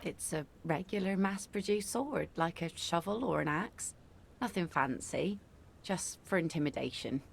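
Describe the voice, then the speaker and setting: A woman playing a hardened middle-aged widowed fisherwoman in a video game, talking like an old sailor, dry, blunt and gravelly. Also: lowish voice, expressive, moderate pace, full character voice. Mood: dry, dismissive. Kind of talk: video game character dialogue.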